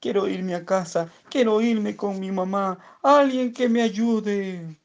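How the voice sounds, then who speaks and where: A tiny lost baby bird, as a man puts it on with a thin voice pitched far above his own. It cries out and pleads, eager and anxious. A children's storybook telling, read slowly. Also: very animated, darkish tone, dull audio, full character voice. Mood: panicked.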